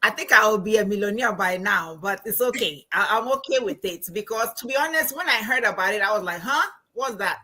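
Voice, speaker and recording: Bright, emphatic Ghanaian woman. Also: medium pitch, brisk, few pauses. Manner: animated, emphatic storytelling. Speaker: guest, anthropology professor and financial coach. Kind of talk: casual podcast interview.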